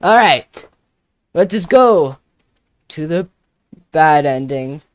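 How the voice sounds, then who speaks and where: A woman with a low, animated voice speaks at a slow pace over background music. She's a video creator giving casual, playful gameplay commentary, tossing in jokey, mock-dramatic asides.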